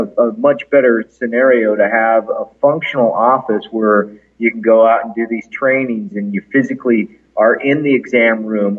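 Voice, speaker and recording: Husky man echoing in a big hall. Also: medium pitch. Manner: rambling, with many fillers and restarts. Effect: echoey big-room sound. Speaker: clinic owner and chiropractor. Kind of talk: casual remote interview chat. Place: large conference room at his clinic. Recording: distant, tinny phone-like call audio.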